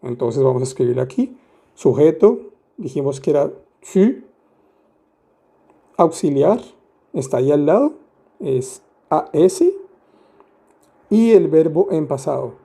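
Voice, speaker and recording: Slow, dark-voiced man teaching grammar. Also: on the high side, lively intonation, vocal fry, slightly rough. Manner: patient, asks rhetorical questions, playful asides. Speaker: French teacher. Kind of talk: step-by-step grammar lesson.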